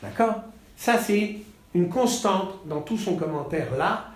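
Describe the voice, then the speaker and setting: A man teaching a classroom text study, halting and repeating words, then stressing key points with energy. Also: high voice, expressive, roomy sound.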